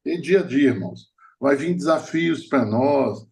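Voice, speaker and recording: A man's voice: medium pitch, a little slow, creaky, darkish tone, slight background noise. A middle-aged man preaching a sermon as a prophet, telling personal stories with frequent restarts. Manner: storytelling, hesitant restarts, laughing at own stories.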